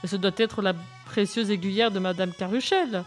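A woman's voice: medium pitch, moderate pace, soft background music, close to an everyday voice. Woman reading a grumbling police sergeant. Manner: grumbling, indignant. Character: gruff, indignant male police sergeant.

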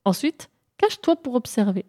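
A woman's voice: a little high, very animated, moderate pace, a little mellow. A woman voicing a cunning, boastful male hare from a storybook who whines and gives orders. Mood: cheerful. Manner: lamenting, then bossy and sly.

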